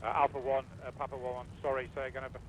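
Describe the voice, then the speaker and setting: A man heard over in-game radio voice chat, working as fire support operator. He uses clipped military radio procedure, with hesitant fillers between brisk call signs. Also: mid-range voice, flat delivery, low-quality recording. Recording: radio voice over loud battle noise.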